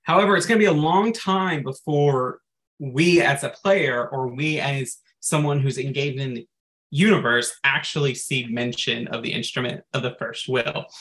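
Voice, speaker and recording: A man's voice: medium pitch, measured pace, fairly bright tone. A man co-hosting a podcast in casual chat, recapping game lore at length and dropping in frequent "like" asides. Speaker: podcast co-host.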